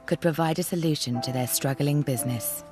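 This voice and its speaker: Low-voiced British woman narrating. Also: a little fast. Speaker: documentary narrator. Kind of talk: scripted narration. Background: music.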